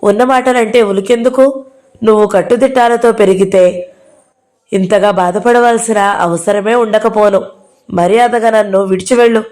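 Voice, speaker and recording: A woman's voice: medium pitch, steady tone, normal speed, a little mellow, close to an everyday voice. A woman voicing a bitter, furious young woman who talks in a scornful, defiant way in an audio novel.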